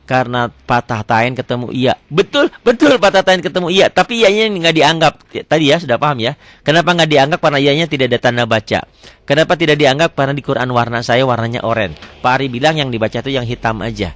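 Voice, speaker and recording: Man, Quran reading teacher, asks himself questions, slow chanted examples, mid pitch, dry close sound. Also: animated, a bit bright, dry recording. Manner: asks and answers his own questions, chants verses slowly.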